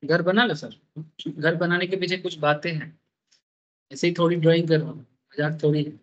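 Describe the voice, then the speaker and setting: In a dull lo-fi recording of a tax class, a man draws on a board while repeatedly and playfully quizzing his students. His voice is a little high, with a steady tone at normal speed.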